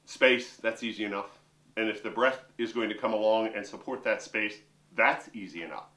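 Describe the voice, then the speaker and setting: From a room with a piano, a middle-aged vocal coach who also sings opera talks straight to his viewers in a chatty, joking lesson. His voice is fairly low and sharp-toned at normal speed, captured roomy by a mic placed at a distance.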